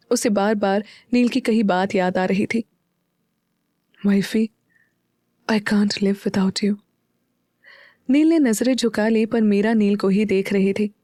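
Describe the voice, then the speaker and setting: A woman narrating a serialized audio story in a steady, even storytelling manner. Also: medium pitch, no echo, studio quality.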